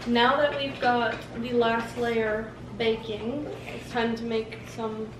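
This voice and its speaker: Young mom with a high voice, echoey kitchen. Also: female voice, takes it slowly, noisy background. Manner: calm, brief instructions to children. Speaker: mother and channel host. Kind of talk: casual home cooking vlog with kids. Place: home kitchen, indoors. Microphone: camera across a kitchen island. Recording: echoey kitchen, far from mic, clattering dishes.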